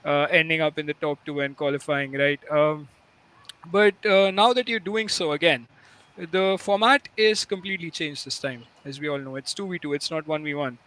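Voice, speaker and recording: A man's voice: a little high, moderate pace, bright, forceful tone, low-quality recording. A man who hosts an interview, rambling and full of fillers as he works toward his questions. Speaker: host. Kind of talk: casual interview hosting.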